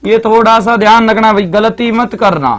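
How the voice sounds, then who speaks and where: Male tutor, Marwari accent, high voice, live online class, keeps telling students to watch out. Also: normal speed, fairly bright tone. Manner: repetitive, chatty, keeps urging students to pay attention. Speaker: teacher. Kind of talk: live online grammar lesson.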